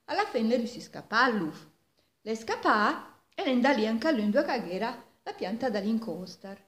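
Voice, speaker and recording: Sitting in her living room, a Milanese woman in her seventies recounts a traditional folk tale in dialect, storyteller-style. Her voice runs on the high side and a bit bright, with big pitch swings at a moderate pace, picked up by a distant mic in an echoing room.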